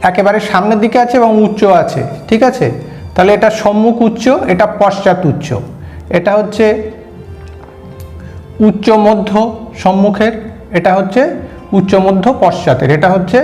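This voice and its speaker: A man's voice: high-pitched, a little mellow. A man from India teaching, patiently explaining exam answers and sounding out examples one by one.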